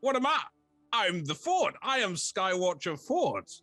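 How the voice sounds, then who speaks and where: A man's voice: sits high, very animated, a little slow, bright, forceful tone, no echo, faint music behind, pitched above the performer's own voice, heavily acted. A man voicing a shy, lonely talking fort that speaks in a politely formal, old-fashioned way. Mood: welcoming.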